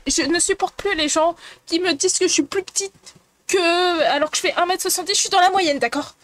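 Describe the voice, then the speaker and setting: High-voiced girl streaming, giggly and playful, chatting with chat at her desk mic. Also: a little fast, a bit bright, slight background noise. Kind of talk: casual live-stream chat, reading viewer messages.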